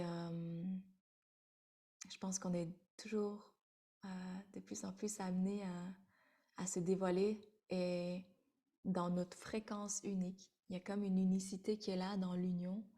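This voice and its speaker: A woman in her thirties from Vietnam, giving a halting, meditative spiritual talk as the teacher who leads a sharing circle, with many pauses and repeated words. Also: on the low side, vocal fry, mellow. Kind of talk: spiritual talk to an online audience.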